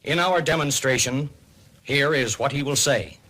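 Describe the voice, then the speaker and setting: Narrating a 1950s civil defense broadcast, this American announcer sounds formal, measured, and commanding. His pitch is medium and his delivery pushed and bright, carrying a serious, instructive mood.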